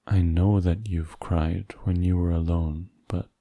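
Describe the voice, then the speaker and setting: A man playing a tender, hurt, devoted boyfriend in an ASMR role-play, speaking in a soft, intimate, halting murmur to comfort a partner. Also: deep voice, steady tone, no echo. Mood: gentle, earnest. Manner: slow, halting, gentle, intimate.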